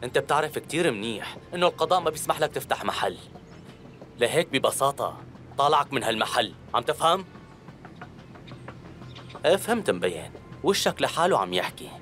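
A man's voice: mid-range voice, fairly bright tone, lightly acted. An actor playing a shrewd, commanding man in a dubbed TV drama, with a Syrian accent. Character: shrewd, commanding man calmly threatening a swindler.

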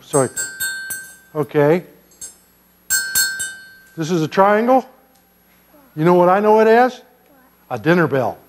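An older man, a pastor giving a children's sermon in a church sanctuary, gently and playfully asking the kids questions. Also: high-pitched, big pitch swings, slow, pauses often, faint music behind. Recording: long church reverb.

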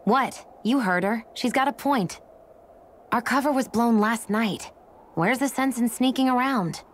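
A woman voicing a blunt, sharp-tongued young woman in a video game. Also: fairly high pitch, unhurried, slight background noise, natural voice. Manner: blunt, dry.

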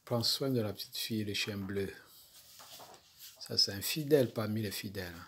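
A man chatting along with a bedtime story, adding warm, casual comments and hums. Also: fairly low pitch, normal speed, a little hiss or hum. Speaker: storytelling companion.

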